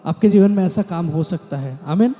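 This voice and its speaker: A man's voice: high voice, normal speed, dark tone. A male pastor preaches a sermon in a church, often breaking into amen and hallelujah and mixing in English words. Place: large church hall. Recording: echoey church hall with long reverb.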